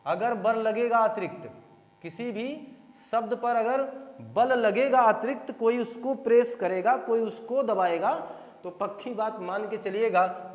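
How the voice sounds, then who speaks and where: High-voiced man teaching in an echoey hall. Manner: explains by repeating examples, asks students if clear. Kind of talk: grammar lesson for exam prep.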